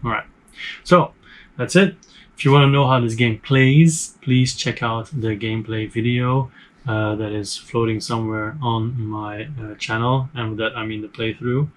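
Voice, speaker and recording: In a room lined with game shelves, a man hosting a board game review channel chats casually to the camera, rambling with plenty of fillers and restarts. His mid-range voice keeps a level tone at a normal pace, though the audio is poor.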